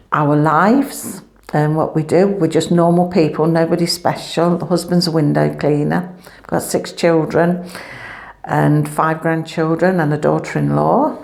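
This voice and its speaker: A woman's voice: low voice, flat delivery, unhurried, creaky, darkish tone. A woman, rambling chattily in a casual family vlog, her voice echoing in an empty room at home through a clip-on microphone. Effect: echoey empty room. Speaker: family vlogger.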